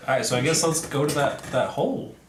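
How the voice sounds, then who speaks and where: A man playing a tabletop game, chatting casually in hesitant, halting phrases. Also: a little high. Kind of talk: casual chat. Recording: echoey, noisy room.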